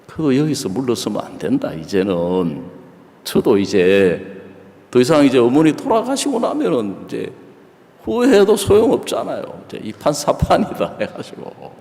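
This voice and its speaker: A male pastor preaching in a storytelling sermon, dropping to hushed tones for effect. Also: mid-range voice, big pitch swings, normal speed. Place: church sanctuary. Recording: reverberant church hall.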